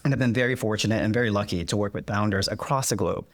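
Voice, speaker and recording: With a fairly low voice and a quick pace, a Vietnamese man from the United States answers as a guest in a conversational interview. His speech is reflective and full of fillers and restarts.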